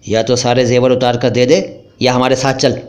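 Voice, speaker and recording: A man's voice: mid-range voice, flat delivery, moderate pace, darkish tone, close to an everyday voice. Man doing coarse threatening robbers. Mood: menacing. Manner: threatening, rough, mocking. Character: menacing coarse male robbers. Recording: dull lo-fi recording.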